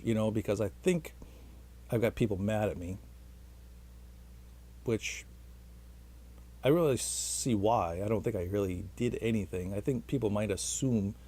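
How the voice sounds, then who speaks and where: A man's voice: on the low side, dark tone. A man talking casually to the camera in a rambling, hesitant, self-deprecating way. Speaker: vlogger.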